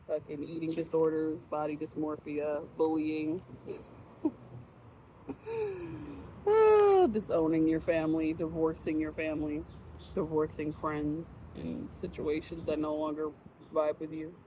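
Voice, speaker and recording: A woman's voice: deep voice, flat delivery, measured pace, dark tone, a little hiss or hum, poor audio. A woman vlogger chatting casually to camera while eating outdoors, with a frank, profane, laughing way of ranting.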